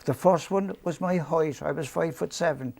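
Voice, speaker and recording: Originally from Cork, this septuagenarian's Irish accent has been worn gentler by London life. His voice is a little high, creaky and darkish, at normal speed, as he tells wandering, self-deprecating stories of youth for an interviewer, often stopping to restart or say "um."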